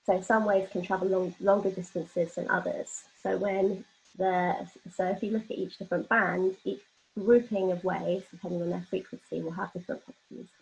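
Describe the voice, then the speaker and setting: A woman with a lowish, gravelly voice presents an explanatory workshop lecture at a normal speed, her delivery flat. She talks informally and illustrates points with everyday examples, and the recording is dull, lo-fi and band-limited.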